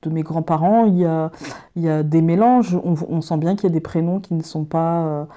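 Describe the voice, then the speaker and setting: A woman from northern France with a light Picard accent talks casually to her viewers. Her voice is warm and mellow, her delivery loose and self-mocking, broken up by fillers, restarts and frequent laughs. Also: deep voice, a little fast, highs cut off. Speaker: YouTuber doing a tag video. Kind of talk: casual chat to camera.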